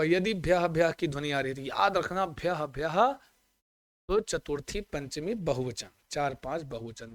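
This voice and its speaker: A man teaching a Sanskrit exam-prep lesson online, chanting word forms slowly and coaxing his students with questions he answers himself. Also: fairly high pitch, no echo. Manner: asks the class questions and answers them himself.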